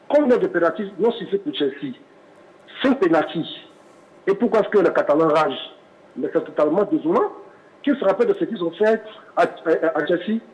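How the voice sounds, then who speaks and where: A man's voice: on the high side, a little mellow, highs cut off. A man phoning in to a sports show and giving his football opinion emphatically, with rhetorical questions. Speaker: caller.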